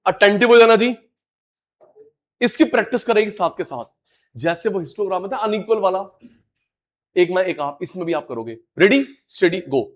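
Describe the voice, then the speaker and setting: A middle-aged man teaching a live online class, animated and coaxing, repeating key words to his students. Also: sits high, normal speed, pauses often.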